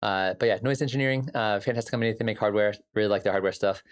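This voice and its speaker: On a casual music production stream, a man speaks in a low, racing voice with a clean yet slightly scratchy tone. He rambles comfortably, uses many fillers, and addresses viewers by name as he answers the chat.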